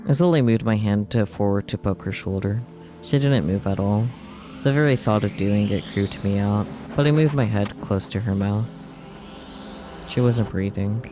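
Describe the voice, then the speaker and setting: A man's lowish, dark-toned voice reads a visual novel aloud for his stream, punctuated by offhand, sardonic commentary. Video game music plays underneath.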